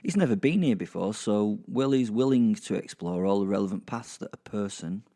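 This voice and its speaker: Animated and dark-toned, a man with a lowish voice speaks at a moderate pace while hosting a podcast over music. He narrates a rambling, casual recap for listeners, chatty and dryly funny, repeatedly breaking off his own sentences.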